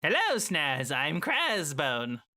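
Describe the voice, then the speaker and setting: Squeamish skeleton necromancer, man's voice, bright, prim and chatty, as a man plays him. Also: a little high, wildly swooping pitch, slow pace, heavily acted. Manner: prim, chatty, easily grossed out.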